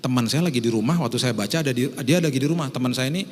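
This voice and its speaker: A middle-aged pastor from Indonesia tells a story from the pulpit in a voice of ordinary pitch, animated and anecdotal, slipping into the voices of the people in his tale. His words ring out with a long reverb, as in a large hall. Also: very fast. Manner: lively anecdotal storytelling, acts out quotes. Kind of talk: storytelling sermon.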